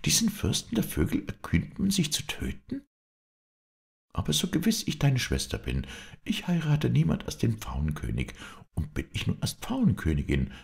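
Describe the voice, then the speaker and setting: A man's voice: medium pitch, huge pitch swings, moderate pace, vocal fry, a little mellow, voice pushed up. A man reading aloud and voicing a spoiled, headstrong young princess who speaks indignantly and insistently.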